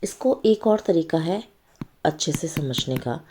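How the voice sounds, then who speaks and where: A woman with a low, mellow voice walks young children through a reading worksheet. She speaks slowly and patiently, naming each word and checking in with the children often. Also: animated, slight background noise. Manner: slow, patient explaining with frequent check-ins. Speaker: teacher.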